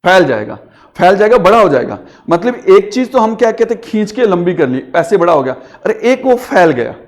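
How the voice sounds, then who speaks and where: A man's voice: high voice, sing-song, moderate pace. A man teaching a Hindi grammar class, explaining step by step and often asking his students questions before answering them himself. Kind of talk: classroom lecture.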